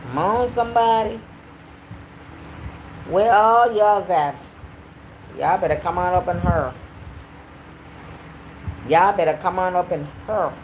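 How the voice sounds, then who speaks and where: A woman's voice: on the low side, measured pace, pauses often, a little hiss or hum, lightly acted, low-quality recording. A woman playfully hamming up a fake American Southern drawl, drawing the words out. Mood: coaxing. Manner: drawling, playful, over-the-top.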